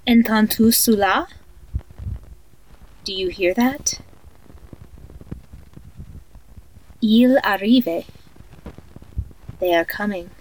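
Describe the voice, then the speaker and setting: Woman acting a slow, eerie sleep story narrator. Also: medium pitch, natural voice, poor audio. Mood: calm, ominous. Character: eerie woman guiding a children's sleep meditation tape, soothing yet haunting. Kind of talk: guided sleep meditation in horror audio story.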